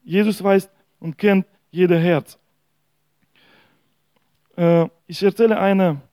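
High-voiced man preaching in halting speech. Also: warm tone, no echo. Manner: halting storytelling with hesitations. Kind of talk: sermon.

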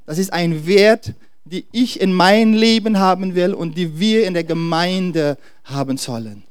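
Heard in a clean studio with no echo, this pastor has a high-pitched, clear, resonant voice. Addressing the congregation directly, he frequently stops mid-thought to find the right word and begins his sentences again.

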